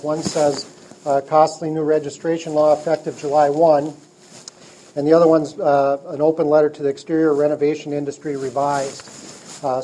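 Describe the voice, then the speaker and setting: Halting middle-aged man giving a speech. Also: fairly high pitch, mellow, a little hiss or hum, low-quality recording. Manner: halting, many uh fillers and restarts. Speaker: speaker addressing a trade group. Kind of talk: public speech with storytelling.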